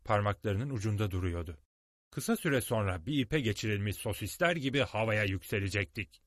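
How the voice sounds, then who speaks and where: A male narrator reads a storybook expressively and dramatically, with a rather low voice that rises and falls a great deal. His voice is dry and close, recorded in a studio. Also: expressive, moderate pace, no room sound. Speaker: audiobook narrator.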